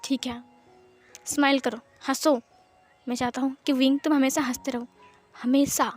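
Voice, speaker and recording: A woman's voice: sits high, brisk, faint music behind, lightly acted. A woman voicing a teasing, possessive young husband in a storybook fan-fiction reading, bossy one moment and doting the next. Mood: tender.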